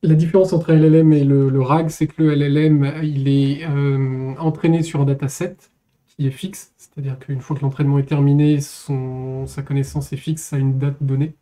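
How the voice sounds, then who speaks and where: A male developer chatting on a tech podcast, breaking down technical concepts plainly. His voice is very dark in tone and stays flat, with little rise or fall. Relaxed panel conversation. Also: medium pitch, moderate pace. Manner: explains technical terms plainly. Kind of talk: casual tech panel chat.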